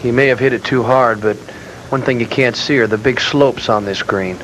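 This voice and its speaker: Guy doing golf commentary, chatty analyst type, normal pitch, bit of noise behind him. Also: normal speed, a bit bright, rough recording. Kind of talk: live golf colour commentary, conversational.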